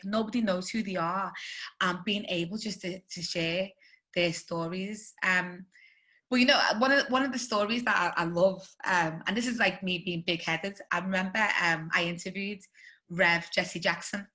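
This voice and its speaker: Scouse woman guest, bright ringing voice, animated storyteller who laughs a lot, video-call audio. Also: on the low side, normal speed. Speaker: guest journalist and presenter. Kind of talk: video-call webinar interview.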